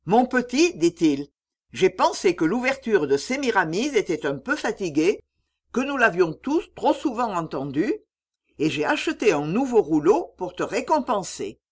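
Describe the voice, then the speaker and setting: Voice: medium pitch, big pitch swings, moderate pace. A reader voicing a stern, domineering old uncle who gives clipped orders in a read-aloud story. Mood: coaxing.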